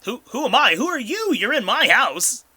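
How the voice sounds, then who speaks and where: Man plays offended, foul-mouthed big fellow roused from bed, tabletop game; loud, booming, sharp-edged delivery. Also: sing-song, moderate pace, heavily acted. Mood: offended, sarcastic. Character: indignant, foul-mouthed, tall invisible man roused from sleep.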